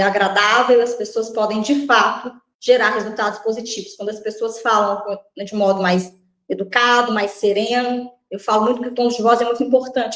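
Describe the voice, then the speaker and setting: A woman from Brazil speaking as a guest trainer, quick and a little high-pitched. She builds her points in short stacked phrases, tagging many with "né", and the room around her rings with echo. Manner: measured, list-like explanations, frequent "né". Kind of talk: interview answers.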